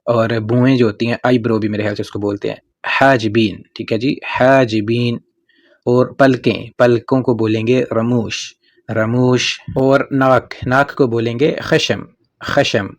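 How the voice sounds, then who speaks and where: A man with a Pakistani accent teaching vocabulary in a casual spoken lesson, patiently repeating each word and often pausing with fillers. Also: mid-range voice, fairly even intonation. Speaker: language teacher.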